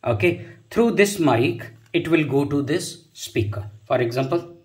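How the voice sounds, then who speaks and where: A man's voice: a little high, expressive, unhurried. A man in his forties with a North Indian accent, casually presenting a tech demonstration and often tagging his sentences with "okay". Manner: repeats phrases, tags sentences with "okay". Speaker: tech vlogger. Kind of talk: casual product demonstration to camera. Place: indoor room at home. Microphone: wireless lavalier, partly heard through a speaker. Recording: roomy, distant mic, music behind.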